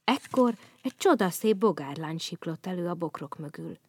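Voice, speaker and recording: A woman reading a children's story aloud, calm and clear. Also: lowish voice, no echo.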